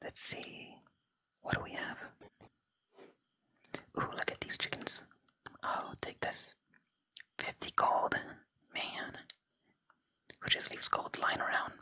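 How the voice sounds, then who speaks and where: Whispering gently and without voice from start to finish, a gaming host records an ASMR let's play right up against the mic. The tone is very bright and crisp, the pace slow with frequent pauses, moving between dialogue readings and hushed remarks.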